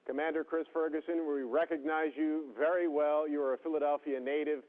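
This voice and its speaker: A man working as a TV news interviewer, asking formal, measured questions over a radio link to a space station. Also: fairly high pitch, little pitch movement. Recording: tinny phone-like radio link.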